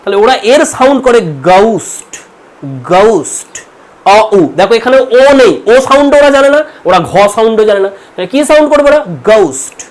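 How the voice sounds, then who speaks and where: Fast-talking teacher from India. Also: male voice, very high-pitched. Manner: explanatory, repeats words slowly to model sounds. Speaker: English teacher. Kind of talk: online pronunciation lesson.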